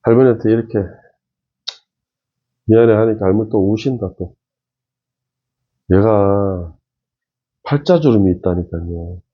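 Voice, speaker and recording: A man's voice: lowish voice, a little slow, long pauses, highs cut off. A man giving casual commentary on a TV show, emphatic and talking straight to viewers. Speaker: face-reading commentator.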